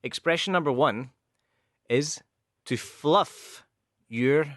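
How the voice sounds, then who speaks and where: A man from the west of Scotland with a Glasgow accent co-hosts a bilingual radio show, patiently explaining English football idioms and slipping into Spanish now and then. His voice is a little high and fairly bright, and he speaks slowly. The sound is clean studio quality with no echo.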